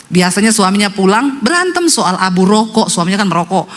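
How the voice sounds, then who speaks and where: A woman pastor preaching a sermon, animated and joking, addressing the congregation directly. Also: mid-range voice, brisk.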